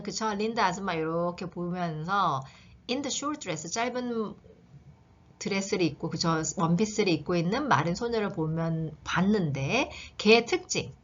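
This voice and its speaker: A woman's voice: mid-range voice, a bit bright, highs cut off. A woman teaching an English reading lesson, asking questions and answering them herself.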